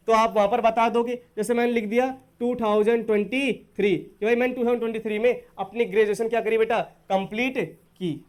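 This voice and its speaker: A man from Rajasthan teaching spoken English in a recorded online lesson. He is patient, calls his students "beta" and says the English model phrases slowly. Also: extremely high pitch, darkish tone, clear, resonant tone. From Rajasthan, India.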